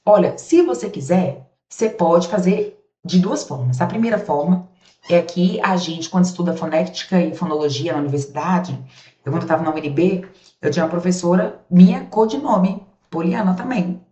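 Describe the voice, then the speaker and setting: A woman's voice: on the low side, moderate pace, warm tone. Brazilian woman teaching, roomy and distant. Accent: Brazilian Portuguese. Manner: demonstrates sounds aloud, asks rhetorical questions. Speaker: grammar teacher. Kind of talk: recorded class lesson. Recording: roomy, distant, dull sound.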